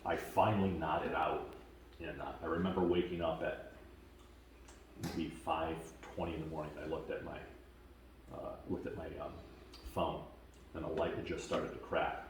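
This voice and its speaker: A camp attendee from Washington state, USA, with a very deep voice gives a testimonial, telling his story casually and haltingly with many fillers and growing lively as he recounts events. The recording is very echoey from a distant mic, with faint noise.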